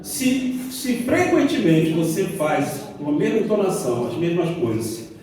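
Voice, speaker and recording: A man's voice: fairly high pitch, sing-song, measured pace, a crowd in the background. A man with a Brazilian accent giving an informal seminar talk, chatty and joking, with slang. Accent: Brazilian Portuguese. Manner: chatty and jokey, uses slang, acts out little quotes. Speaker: seminar speaker. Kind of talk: informal lecture. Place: large hall before an audience. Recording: echoey hall, far from mic.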